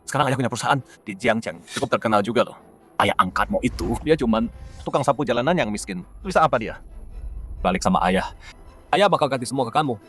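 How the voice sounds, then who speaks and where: This is a scornful newly rich father. He talks down to people in a sneering, boastful way. The voice sits at an ordinary male pitch. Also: expressive, fast, a bit bright. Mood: coaxing. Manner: sneering, condescending. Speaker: wealthy biological father. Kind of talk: dubbed drama acting.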